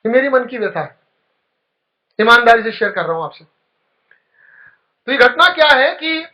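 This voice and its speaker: Guy with a high voice doing a motivational speech, storytelling, kinda muffled lo-fi sound. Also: sing-song, unhurried. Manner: storytelling, emotional, drops low and soft at touching moments. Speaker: motivational speaker. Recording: dull lo-fi recording.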